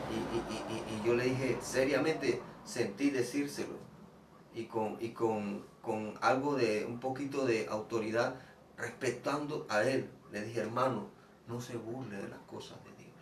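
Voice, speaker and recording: A man preaching a personal testimony sermon in an earnest way, repeating phrases and going soft when he quotes himself. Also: mid-range voice, a little hiss or hum. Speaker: lay preacher. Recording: echoey distant room with faint ambience.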